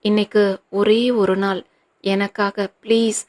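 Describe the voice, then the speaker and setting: A tearful young wife, pleading and earnest, her words held on a narrow, even pitch, as a woman reads her aloud. The storybook voice stays controlled and level. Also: normal speed, lightly acted.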